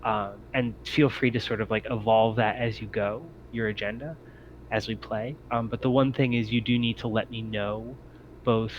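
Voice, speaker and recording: Speaking at a moderate pace with fairly even intonation, a man with a somewhat low voice runs a tabletop roleplaying session as game master. He casually explains things and narrates scenes to players on a group voice call, captured as muffled lo-fi audio with clear noise.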